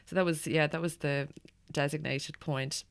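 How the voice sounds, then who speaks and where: A woman's voice: sits low, steady tone, moderate pace, no echo, studio quality. An Irish woman chatting casually as a guest, in a hesitant, meandering way. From Ireland. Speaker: guest, stand-up comedian. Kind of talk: casual chat.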